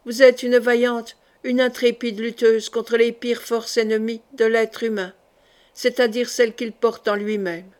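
A woman's voice: fairly high pitch, little pitch movement, unhurried, a little mellow, close to an everyday voice. A woman reading the part of a stern, commanding male sorcerer in an audiobook, speaking with grave authority.

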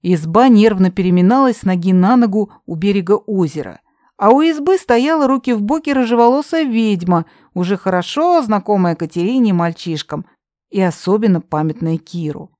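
A woman narrating a fantasy audiobook in an even storytelling read. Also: mid-range voice, normal speed, no room sound, studio quality.

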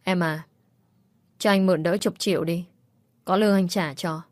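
A woman voicing a drunk, violent young husband who talks roughly and threateningly, in a dry recording with faint music behind. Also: fairly low pitch, fairly even intonation, moderate pace, dry recording, close to an everyday voice. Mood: wheedling.

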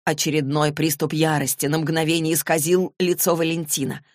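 Low-voiced woman narrating dramatically. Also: little pitch movement, normal speed, dry recording, studio quality. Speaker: audiobook narrator. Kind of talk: scripted narration.

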